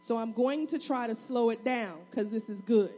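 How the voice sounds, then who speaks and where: A woman pastor with a Southern US accent, preaching a fast, excitable sermon with call-and-response to her congregation. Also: a little high. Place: church sanctuary. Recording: long hall reverb.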